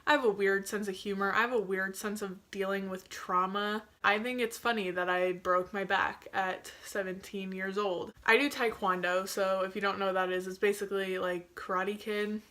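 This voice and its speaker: A woman's voice: medium pitch, steady tone, normal speed, hardly any pauses, fairly bright tone. A young woman telling a casual, gossipy storytime in a chatty, self-mocking way, peppered with "like". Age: young adult. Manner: chatty and gossipy, with heavy filler "like"; self-mocking, jokey delivery. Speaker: video creator telling her own story.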